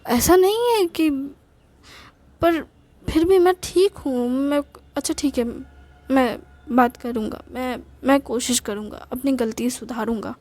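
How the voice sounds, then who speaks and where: Woman doing an older husband in a spoken story: high, slow, fumbling, sheepish charm. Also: darkish tone. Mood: defensive. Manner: hesitant, stumbling with fillers. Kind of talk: storytelling with acted dialogue.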